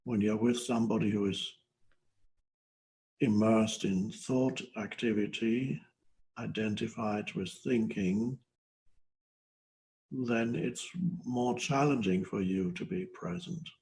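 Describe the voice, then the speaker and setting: Older guy doing a meditation talk, low gravelly voice, slow with lots of pauses. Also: a little mellow, rough recording. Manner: slow, hesitant, with long pauses. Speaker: spiritual teacher.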